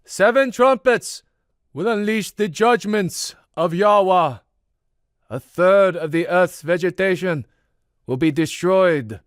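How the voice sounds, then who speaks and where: A man voicing a calm, foreboding male prophet who proclaims in a grave way. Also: sits high, slow pace, no echo, clean studio sound, voice pushed up.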